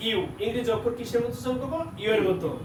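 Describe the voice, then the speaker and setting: A man's voice: very high-pitched, racing. A man teaching a classroom language lesson, drilling sounds and having the class repeat after him. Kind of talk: classroom lesson with call-and-response. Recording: echoey classroom from a distance with background noise.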